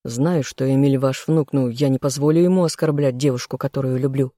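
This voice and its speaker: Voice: medium pitch, steady tone, brisk, mellow, no echo, studio quality, close to an everyday voice. A reader voicing a proud, protective elf nobleman in a fantasy audiobook. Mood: apologetic.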